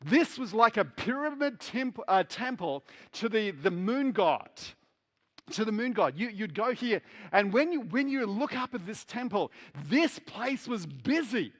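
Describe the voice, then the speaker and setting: A middle-aged man from New Zealand preaching a sermon, repeating phrases and asking the congregation questions, swinging between loud emphasis and quiet asides. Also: high-pitched, very animated, a little slow. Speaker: pastor.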